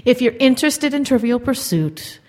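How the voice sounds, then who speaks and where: A woman's voice: on the high side, animated, normal speed, darkish tone. A woman co-hosting a podcast in casual chat, rambling and upbeat. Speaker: podcast co-host.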